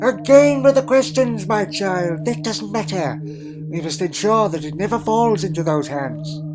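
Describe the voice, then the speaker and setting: A man's voice: high-pitched, animated, a little slow. A man playing a crotchety, secretive old alien grandfather in a fan audio drama, with hesitant muttering, hums and pompous phrasing. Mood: irritable. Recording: music laid under the voice.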